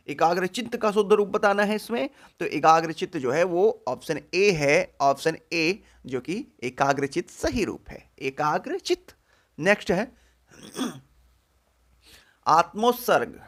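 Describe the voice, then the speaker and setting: A man teaching exam prep, going through spelling answers one by one and repeating each word slowly with drawn-out syllables. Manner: drops low and soft at the end of each answer.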